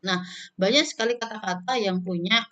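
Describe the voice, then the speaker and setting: A woman teaching English pronunciation in a casual recorded lesson, loudly modeling each sound and repeating it with friendly filler tags. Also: medium pitch, fairly quick, muffled recording.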